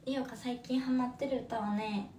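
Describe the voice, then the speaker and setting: A woman's voice: a little high, steady tone, moderate pace, warm tone, a little hiss or hum. A woman of twenty with a Kumamoto accent, chatting casually with viewers on a livestream and using lots of fillers. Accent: Kumamoto dialect. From Kumamoto, Japan. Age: 20s. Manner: chatty, friendly, with many fillers. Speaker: livestream host. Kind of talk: casual livestream chat reading comments. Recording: echoey room, phone held far off.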